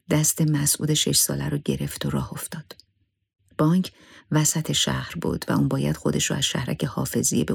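Solemn male story narrator, gravelly, husky, dry close mic, at times whispering. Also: fairly high pitch, no echo. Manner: measured, solemn, sometimes dropping to a hushed whisper.

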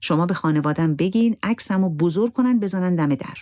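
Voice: medium pitch, mellow, pitched above the performer's own voice, close to an everyday voice. A narrator voicing a weary young husband and cash courier who speaks with tired but cheerful resolve. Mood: resolute.

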